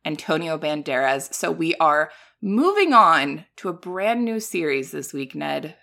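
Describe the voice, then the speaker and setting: A woman co-hosting a podcast in casual, playful chat, quick with jokes. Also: sits low, big pitch swings, vocal fry, sharp tone. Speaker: podcast co-host. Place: home recording setup.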